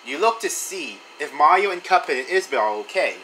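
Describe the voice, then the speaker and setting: Guy reading an ai story game out loud, bright lively voice, trips over words sometimes. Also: a little high, a little fast, slight background noise, poor audio. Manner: animated, stumbling reading with restarts. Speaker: channel host reading a story game aloud. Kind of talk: casual read-aloud of a text adventure.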